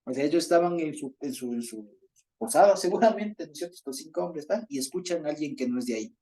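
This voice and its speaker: A man's voice: on the high side, lively intonation, fast talker, dark tone. A man leading a Bible study, reading passages aloud and often checking in with his listeners. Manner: keeps checking in with the group, reads passages aloud; chuckles while explaining.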